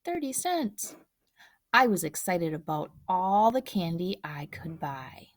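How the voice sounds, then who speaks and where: A woman reading a children's picture book aloud in a gentle, hushed storytelling voice. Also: on the low side, a little slow, no echo, studio quality. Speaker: storybook reader.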